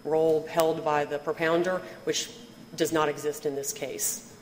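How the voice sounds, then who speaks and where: A woman with a low voice argues as a lawyer in a formal, measured and deferential way. The room is very reverberant, with faint noise. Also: little pitch movement. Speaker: appellate lawyer. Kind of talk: formal oral argument. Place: courtroom. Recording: very echoey hall, faint noise.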